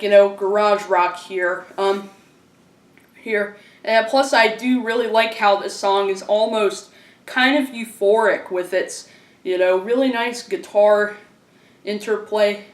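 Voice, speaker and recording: A man giving a casual, enthusiastic album review, rambling with lots of fillers and restarts. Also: high-pitched. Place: a room at home. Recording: roomy echo, mic at a distance.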